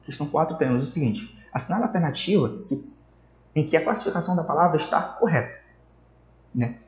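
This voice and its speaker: A man's voice: on the high side, expressive, fast talker. A man from Brazil giving an exam-prep lesson and explaining each answer, often checking in with his listeners. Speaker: teacher. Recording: echoey room.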